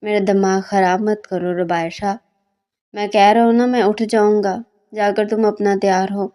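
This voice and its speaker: A sleepy young male student, voiced by a woman narrator grumbles and needles in a storybook reading. His tone stays mellow and unhurried, full of lazy teasing. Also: mid-range voice, little pitch movement, lightly acted. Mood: grumbling. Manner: grumbling, mocking insults.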